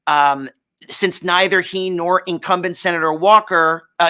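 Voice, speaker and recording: A man hosts a political commentary show while hungover. His voice sits a little high and has a bright, forceful edge. He is opinionated and emphatic, yet halts to check himself as he goes. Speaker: host of a political talk show.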